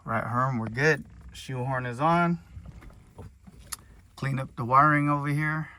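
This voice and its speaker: This car channel host speaks at a medium pitch with a bright, forceful tone, fairly even intonation, and a slightly slow pace. Sounding sleepy, he runs a casual build vlog in his home garage. He keeps things laid-back, joking around as he works on the car.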